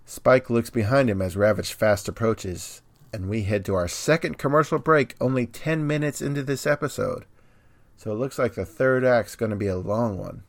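A man co-hosting a podcast, recapping an episode's plot in a steady storytelling way with dry humor. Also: medium pitch, moderate pace, no room sound.

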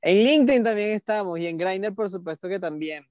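A man's voice: high voice, expressive, brisk, darkish tone, dry recording. A man co-hosting a podcast, telling gossipy stories in a camp, playful way. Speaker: podcast co-host. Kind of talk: casual chat.

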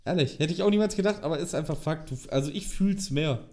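A man chatting casually on a podcast, explaining things at length with lots of fillers and a lively, enthusiastic manner. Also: a little high, fast talker. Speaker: podcast co-host. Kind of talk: casual chat.

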